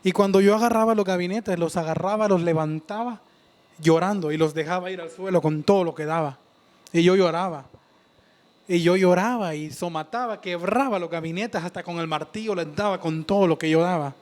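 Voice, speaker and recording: A man giving an earnest, halting personal faith testimony, often restarting and repeating himself. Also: high-pitched, darkish tone. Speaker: church member giving testimony.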